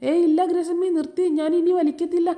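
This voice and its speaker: A woman's voice: very high-pitched, level tone, quick pace, warm tone, pitched above the performer's own voice. A woman voicing a sneaky older man who pleads when caught, then blusters and makes threats. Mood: pleading.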